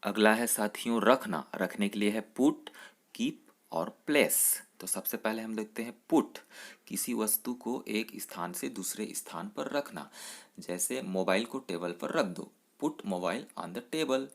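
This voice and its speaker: Low-voiced male English tutor. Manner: explains slowly, reads example sentences in measured English. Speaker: English teacher. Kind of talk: Hindi-medium English vocabulary lesson.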